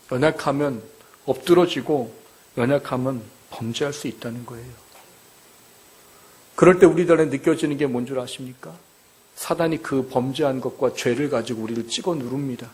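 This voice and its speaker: A male pastor preaching with earnest conviction. He builds his points through repetition and rhetorical questions to the congregation. His voice sits at an average pitch for a man. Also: a little mellow. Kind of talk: sermon.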